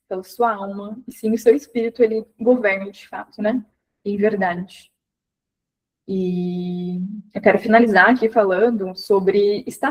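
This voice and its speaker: A young woman giving an animated, conversational devotional talk to women. She speaks straight to her listeners and calls them by name. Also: mid-range voice, rough recording. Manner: animated, acts out voices and sounds to illustrate points.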